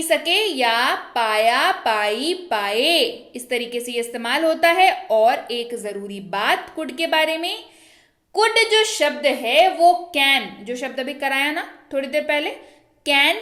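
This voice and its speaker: A woman with a high voice teaches a grammar lesson at an unhurried, measured pace. She often stops to ask quick check questions and says each example sentence twice, slowly. The room around her sounds echoey. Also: pushed and bright. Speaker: English teacher.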